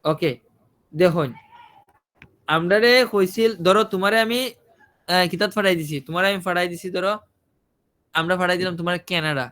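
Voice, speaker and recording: A man runs an online IELTS listening class, explaining in Bengali, asking his students questions and repeating his points. His voice sits high and sounds a bit bright and clean, and his pace is brisk with long pauses.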